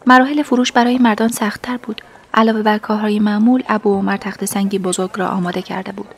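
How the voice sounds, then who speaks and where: Woman, audiobook narrator, first-person story, soft half-whispered reading, mid pitch. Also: flat delivery, vocal fry.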